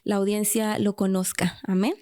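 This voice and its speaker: A woman's voice: medium pitch, level tone, moderate pace, mellow. A woman hosting a church radio interview, devout and often breaking in with praise and amens as she asks her questions. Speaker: radio show host.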